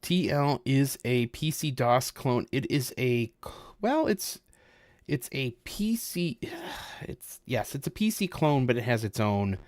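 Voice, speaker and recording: A man's voice: mid-range voice, slow, no room sound. A man hosting a retro computer stream, chatting casually and reacting while he plays a game. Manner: lively, chatty, exclaims while playing. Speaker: stream host.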